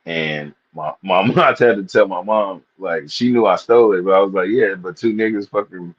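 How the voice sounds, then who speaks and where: Deep husky man telling rambling stories. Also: moderate pace. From Missouri, US. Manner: rambling storyteller, loose and profane. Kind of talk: casual live panel chat. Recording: dull lo-fi stream audio.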